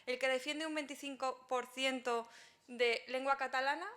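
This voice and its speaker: A woman columnist speaking as a panelist in a round-table debate, halting, with many restarts. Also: high voice, fairly even intonation, bright, forceful tone.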